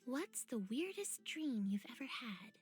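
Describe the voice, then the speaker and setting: A woman's voice: a little high, sing-song, a little slow, soft background music. A woman voicing a polite young woman on a date. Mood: chatty. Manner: well-spoken, gently teasing.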